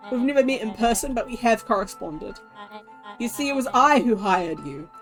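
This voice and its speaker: A woman's voice: fairly high pitch, animated, normal speed, soft background music. Woman voicing a pompous, scheming boy villain. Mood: smug, grandiose. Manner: theatrical, condescending monologue delivery. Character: pompous, scheming villain mastermind in a boy's body. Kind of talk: dramatic read-aloud of game dialogue.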